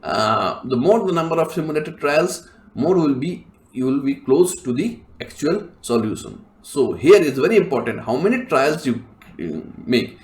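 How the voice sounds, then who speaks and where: A male professor giving a recorded lecture, explaining step by step with many fillers and frequent throat clearing. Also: a little high, sing-song, normal speed, reverberant.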